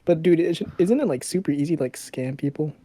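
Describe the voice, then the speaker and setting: A man's voice: fairly high pitch, fast talker, warm tone, no echo. A young man co-hosting a podcast, chatting casually with many fillers. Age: young adult. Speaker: podcast co-host. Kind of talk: casual chat.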